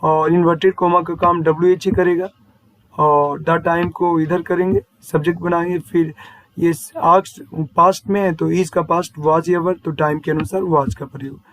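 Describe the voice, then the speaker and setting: A man teaching an exam answer walkthrough. He explains each step, keeps checking in with a quick question, and reads the English phrases out slowly. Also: a little high, steady tone, a bit bright, low-quality recording.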